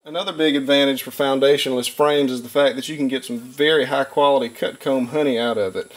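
A man in his thirties giving a relaxed, hands-on beekeeping lesson in a wood-paneled workshop, talking plainly with frequent fillers. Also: medium pitch, fairly quick. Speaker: beekeeper and channel host. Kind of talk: hands-on instructional talk.

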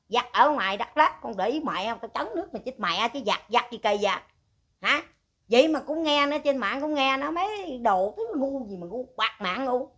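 A woman's voice: high-pitched, fairly bright tone. Scolding older woman. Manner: scolding, rough, rhetorical questions. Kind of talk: heated casual rant.

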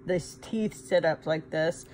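A middle-aged woman with a fairly low voice speaks with her fingers pressed to her lips, which muffles her words a little. She talks in a chatty, rambling way, full of fillers, like a casual vlogger. Faint background noise sits under her voice. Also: slow, darkish tone. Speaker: vlogger reviewing her dentures. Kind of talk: casual personal vlog.

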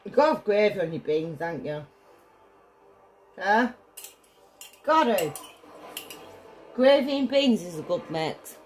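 Slow-talking, giggly tipsy Northern English woman. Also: medium pitch, expressive. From northern England. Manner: blunt, chatty, exclamatory, swearing. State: tipsy from drink. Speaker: home cook vlogger. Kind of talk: casual cooking chat. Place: indoors in a home kitchen.

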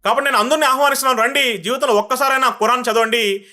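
A man preaching a religious talk, reading out numbered points and reciting verses slowly and carefully before explaining each one. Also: very high-pitched, fairly even intonation, bright, forceful tone. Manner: slow, measured recitation of Arabic verses; lists numbered points, then recaps them quickly. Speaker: Islamic preacher.

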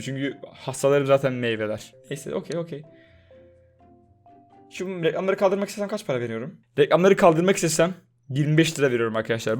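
A young man giving casual, chatty commentary on a mobile game, joking, swearing for fun and soothing the characters. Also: fairly high pitch. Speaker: gaming YouTuber.

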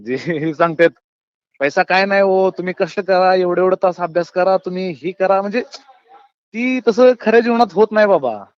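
A man with a rural Maharashtrian accent talks at a moderate pace in a high voice during a casual phone chat, earnestly philosophising in colloquial terms and often addressing his listener as brother. The opinionated monologue comes through a close, dry, dull lo-fi phone recording with no echo.

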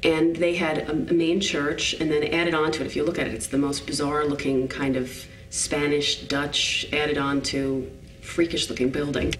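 A woman in her forties, a set designer, talks thoughtfully in a behind-the-scenes interview, pausing to find her words as she describes the space. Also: deep voice, flat delivery, soft background music. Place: indoor studio set, large interior. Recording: roomy echo, voice from a distance.

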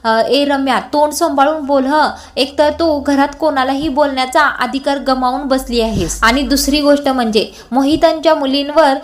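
A woman voicing a feisty young woman who speaks sharply and confronts others, in a high voice. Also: fairly even intonation, normal speed, few pauses, lightly acted. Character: feisty young woman, quick to defend her sister.

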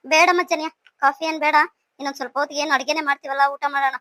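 Woman playing older cartoon mum, soft and motherly, dry close mic. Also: high voice, fairly even intonation, rapid-fire, no echo, pitched below the performer's own voice. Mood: tender. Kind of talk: cartoon voice acting.

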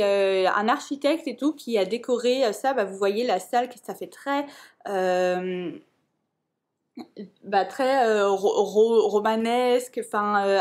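A young woman chatting casually in a book vlog, full of fillers and restarts. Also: on the high side. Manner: hesitant, many fillers and restarts. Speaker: book vlogger.

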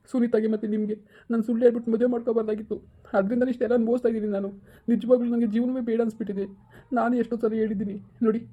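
A woman's voice: a little high, breathy edge. A woman playing a remorseful young husband who begs his mother-in-law for forgiveness in an apologetic manner. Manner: begging, apologetic. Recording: tinny phone-like sound.

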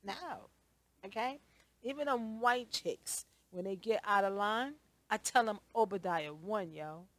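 A woman's voice: medium pitch, no room sound. A woman vlogger talking in an emphatic, repetitive rant, often tagging her points with "okay?". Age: adult. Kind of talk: casual ranting commentary.

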